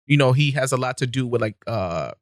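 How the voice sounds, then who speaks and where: Young guy on a podcast, relaxed and rambly, laughs a lot, dry close mic. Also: medium pitch, brisk, dry recording. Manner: laid-back, laughs often, talks loosely with many "like"s. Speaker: podcast guest. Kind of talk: casual storytelling. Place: podcast studio.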